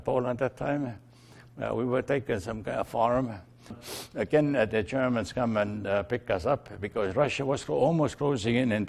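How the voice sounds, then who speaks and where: An older man from Estonia, a native Estonian speaker, slowly recalling his family's past in an oral history interview, with many fillers and restarts. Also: mid-range voice, vocal fry, darkish tone.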